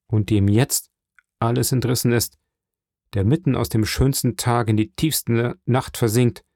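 A man's voice: mid-range voice, gravelly, darkish tone, dry recording, clean studio sound. A man voicing a young sailor held in prison, pleading with passion for a trial in an audiobook reading. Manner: impassioned, imploring.

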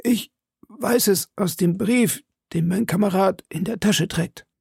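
A man's voice: high-pitched, unhurried, gravelly, a little mellow, slightly rough, no echo, studio quality, voice pushed up, exaggerated voice. A man voicing a wounded, frightened soldier and hired assassin who pleads and stammers, weak from blood loss. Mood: pleading. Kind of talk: audiobook character reading.

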